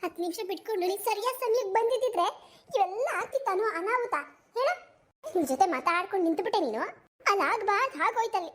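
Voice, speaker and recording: A woman voicing a proud, quarrelsome old village grandmother who complains and laments melodramatically in an animated cartoon. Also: very high-pitched, fast talker. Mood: scolding.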